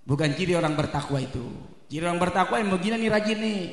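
A man's voice: high voice, fast talker. A male Islamic preacher, giving a joking sermon to a crowd and often asking them if he is right. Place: community event hall. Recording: echoey hall with long reverb.

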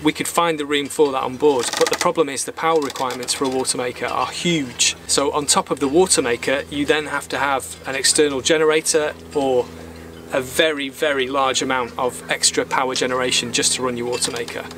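This is a sailing channel host in his thirties, giving plain, instructional explanations to camera from a small boat in a marina. His mid-range voice is bright and forceful, fairly quick, and fairly even in intonation. The recording picks up outdoor marina background noise.

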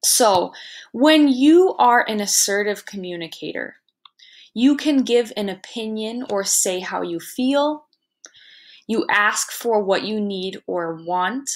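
A woman teacher giving a recorded lesson, explaining patiently and checking understanding with "right?", now and then acting out short quotes in a higher voice. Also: expressive, slow pace.

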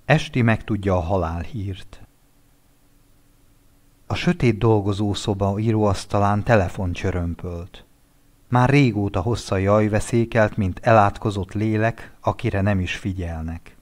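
A man narrating a literary short story, reading in a measured, expressive way. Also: fairly low pitch. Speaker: audiobook narrator.

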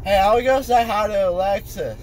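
Teen male, high voice, groggy after wisdom teeth removal, insistent unfiltered rambling, recorded in a car. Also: quick pace, darkish tone. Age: teenager, fifteen. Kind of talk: rambling casual chat. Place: inside a car. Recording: noisy car interior.

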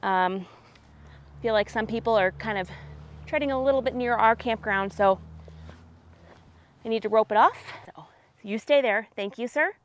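A woman in her thirties performing a comic camping sketch outdoors with a lapel mic, chatty and dramatic, swinging from hushed asides to excited bursts. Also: a little high, moderate pace, pauses often. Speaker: comedy sketch host. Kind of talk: comedic sketch monologue to camera. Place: forest campsite outdoors.

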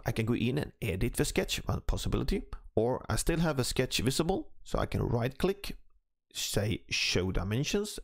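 Gravelly man explaining software step by step. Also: mid-range voice. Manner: relaxed step-by-step explaining while clicking. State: slightly rough morning voice. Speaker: CAD instructor. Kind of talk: screen-recorded software tutorial.

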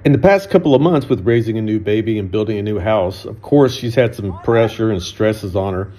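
A man's voice: fairly low pitch, lively intonation, fairly quick, dark tone. A middle-aged man filming a casual travel vlog at arm's length, chatty and rambling, with frequent laughs and restarts. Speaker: travel vlogger. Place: outdoors in a village and inside a shopping mall. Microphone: handheld camera at arm's length.

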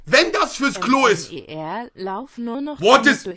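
A man streaming, who reads a story aloud and chats casually, talking loudly and boisterously and breaking into shouts. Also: very high voice, very animated, extremely slow, crowd noise. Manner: loud, boisterous, bursts into shouts. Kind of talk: reading a story aloud, then casual chat.

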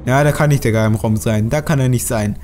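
A man's voice: mid-range voice, fast, a little mellow, soft background music. A man commenting on his own play in a let's play, chatty, grumbling and swearing at enemies as he goes. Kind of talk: gaming commentary.

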